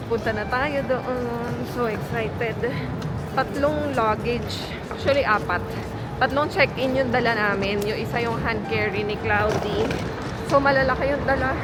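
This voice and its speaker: A Filipino woman with a Filipino accent chatting casually to the camera in a travel vlog, mixing English and Tagalog. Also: high voice. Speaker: vlogger.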